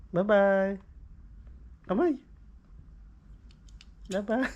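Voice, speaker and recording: A man's voice: fairly high pitch, muffled recording. A father, chatting in playful baby talk with his toddler at home late at night, coaxing and teasing and repeating the same questions. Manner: coaxing and teasing, asks the same question again and again with soft laughs. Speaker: father and vlogger.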